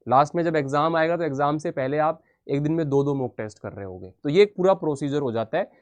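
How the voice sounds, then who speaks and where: A man's voice: on the high side, fast talker. A man teaching exam strategy in an informal lesson, talking directly to students with casual, blunt encouragement. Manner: direct, addresses students as "beta" and "yaar".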